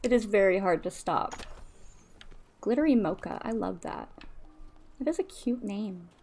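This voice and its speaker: A woman's voice: mid-range voice, animated, unhurried, a little mellow, faint music behind. A woman live streamer chatting casually and gratefully while playing a game, with a slight lisp from missing front teeth. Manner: grateful, gushing thanks to viewers. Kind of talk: casual livestream gameplay chat.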